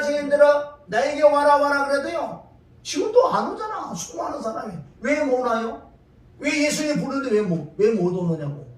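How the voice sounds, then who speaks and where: Pastor, male, very high voice, sermon full of questions to the pews, mic far off in a ringing church hall. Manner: quizzes the congregation with repeated questions.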